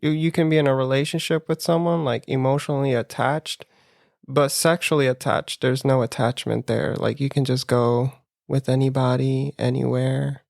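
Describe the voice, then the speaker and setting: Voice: medium pitch, steady tone, moderate pace, vocal fry, darkish tone, no room sound, clean studio sound. A podcast co-host speaking frankly in casual discussion, pressing with direct questions.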